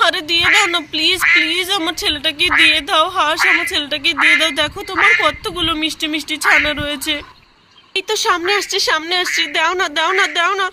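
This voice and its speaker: A woman's voice: very high-pitched, fairly even intonation, quick pace, background noise. A woman voicing an anxious young mother in a cartoon who coaxes and pleads. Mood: coaxing worried. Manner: coaxing, pleading. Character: young mother Rupa, anxious for her son.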